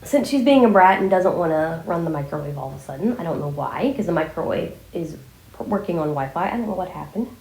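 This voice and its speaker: A woman's voice: on the low side, expressive, fast talker, gravelly, darkish tone. A woman talking casually in a rambling, informal vlog style while fighting a cold and a scratchy sore throat. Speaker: vlogger addressing viewers. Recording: echoey room.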